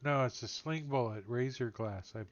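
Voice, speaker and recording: A man's voice: medium pitch, normal speed, lo-fi sound. A man playing a tabletop game, bantering casually in a playful, teasing way.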